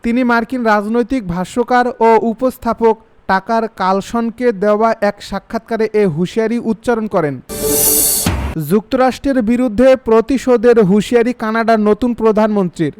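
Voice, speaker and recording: A man reading international news bulletins in an even, formal scripted manner. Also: very high voice, a little fast, faint music behind. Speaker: news reader.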